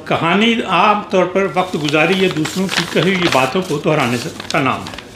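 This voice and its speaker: A man reading a formal, prepared tribute speech at a memorial gathering, measured and careful, with a few small restarts. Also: on the high side. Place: reception hall at an embassy. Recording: echoey hall with faint background noise.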